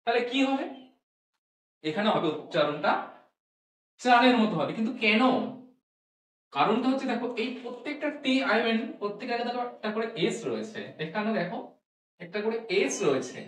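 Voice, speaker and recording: A woman teaching English pronunciation to students. She asks questions and answers them herself, and she repeats each sound slowly. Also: fairly high pitch, very animated, distant mic. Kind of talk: classroom-style lesson. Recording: echoey room, voice from off-mic.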